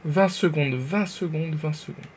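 A man streaming a game live, talking to himself, jumping between hushed nervous murmurs and loud excited outbursts. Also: fairly high pitch, unhurried, slight background noise. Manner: jittery, talks to himself, whispers when nervous. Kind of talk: live gameplay commentary.

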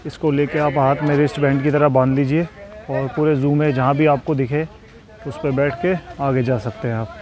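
A travel vlogger in his thirties chats casually to viewers, addressing them directly while touring a city zoo outdoors and riding a motorbike. Recorded on a clip-on mic, his medium-pitched voice has little pitch movement and a normal speed, with a crowd and outdoor traffic noise behind him.

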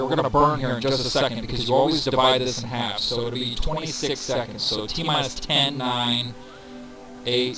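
A man narrating a casual game walkthrough, thinking aloud with fillers and counting down numbers, his voice carrying reverb from a poor microphone. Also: mid-range voice. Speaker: gameplay tutorial narrator. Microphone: cheap desk microphone. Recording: reverby mic with crowd noise behind.

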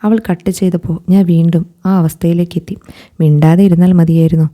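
A woman narrating a first-person story in a calm, even reading. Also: on the low side, a little fast.

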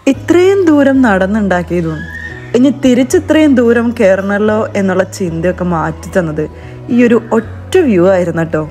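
Out on a forest trail by a waterfall, a young woman chats to her vlog audience, addressing them as "guys" and slipping in English phrases. She speaks expressively at a moderate pace in a warm, medium-pitched voice. The rough recording has background music underneath.

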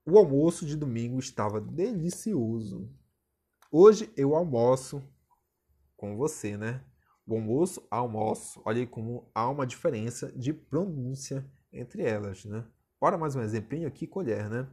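A young male teacher gives a recorded video lesson. His voice is husky and sits at a middle pitch. He talks in a chatty way, always asking rhetorical questions and adding tag questions. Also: expressive, moderate pace, mellow.

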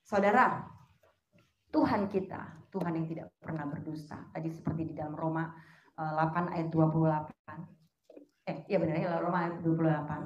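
A woman's voice: deep voice, fairly quick, highs cut off. A woman giving a personal testimony at a church service, speaking straight to the congregation and asking it questions. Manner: animated, addresses the congregation directly and asks it questions. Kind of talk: sermon-style personal testimony. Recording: echoey hall sound.

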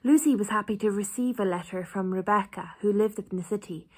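A young woman with a Cork Irish accent and a husky voice, reading test sentences aloud in a careful, deliberate way. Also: mid-range voice, a little mellow. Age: young adult. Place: small bedroom, indoors.

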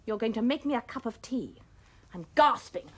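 A husky, high, wildly swooping voice belongs to a bossy female witch. She snaps orders and scolds in the manner of children's TV comedy. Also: expressive, moderate pace. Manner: snappish, imperious, scolding. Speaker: villain.

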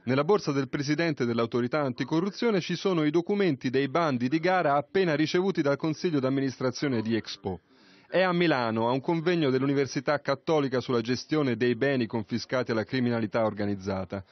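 A man narrating a news report in a crisp, even, scripted delivery. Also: medium pitch, quick pace, highs cut off.

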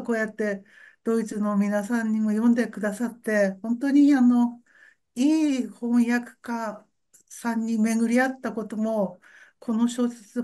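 A woman author answering questions in an online talk, speaking softly and thoughtfully over a video call. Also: on the high side. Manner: slow, soft, thoughtful.

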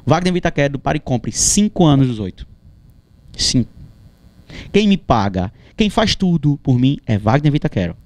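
Man, lively pitch swings, chatty interview storytelling. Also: moderate pace. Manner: animated, acts out quoted dialogue, stammers and repeats phrases. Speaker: singer.

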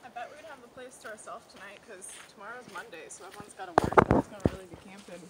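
A woman's voice: on the high side, lively intonation, racing, heavy background noise. Giggly woman chatting outdoors. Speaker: vlogger. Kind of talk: casual chat. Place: outdoors at a forest campsite.

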